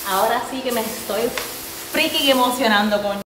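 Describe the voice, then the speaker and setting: A woman in her thirties vlogging casually, chatty and excitable, mixing Spanish and English. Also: fairly high pitch, moderate pace, noisy background. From Puerto Rico. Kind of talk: casual vlog chat. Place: indoors, restaurant under renovation and home office. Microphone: handheld camera. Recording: music under voice.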